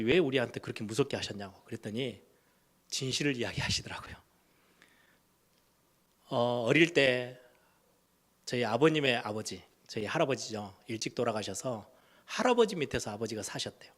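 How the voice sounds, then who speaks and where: A middle-aged man, a pastor, preaching a sermon in a storytelling way, swinging between loud emphatic lines and hushed low ones. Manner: storytelling, acts out quoted voices of kids and parents.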